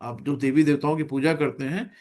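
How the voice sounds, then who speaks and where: A man's voice: a little high, fairly even intonation, brisk, darkish tone. Chatty male Gita class teacher. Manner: chatty, keeps asking "है ना?", acts out little scenes. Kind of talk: conversational scripture class.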